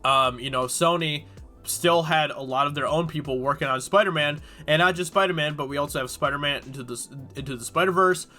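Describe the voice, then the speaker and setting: Faint music sits behind a YouTube host speaking fairly quickly in a slightly high, bright voice with a forceful edge. Stuffed up with a cold, he reads a news article aloud and rambles through his comments, full of fillers, in a casual way.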